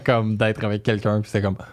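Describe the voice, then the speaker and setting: A man's voice: lowish voice, fairly even intonation, normal speed. A young adult man with a Quebec French accent, chatting casually in slangy speech sprinkled with English phrases. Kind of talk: casual chat.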